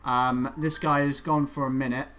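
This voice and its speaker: A man acting as game master, narrating and ruling on a tabletop game in a casual, halting way as he searches for words. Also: medium pitch, flat delivery, a bit bright.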